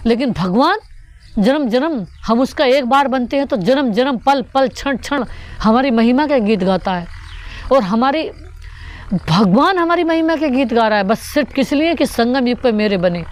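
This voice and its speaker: A woman's voice: on the high side, lively intonation, moderate pace. A woman giving a devotional sermon that explains the daily spiritual teaching, repeating each point and putting rhetorical questions to her listeners.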